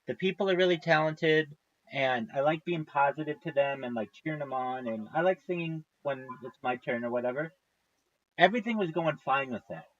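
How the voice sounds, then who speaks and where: A man's voice: a little high, brisk, fairly bright tone, no room sound, lo-fi sound. A man in his thirties, a livestreamer, tells a long story in a casual, profane, exasperated way. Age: 30s.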